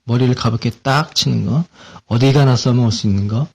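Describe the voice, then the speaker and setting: A man with a Korean accent explaining English vocabulary in a relaxed, casual lesson, with many fillers and repeated words. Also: mid-range voice, fairly quick, vocal fry, breathy edge.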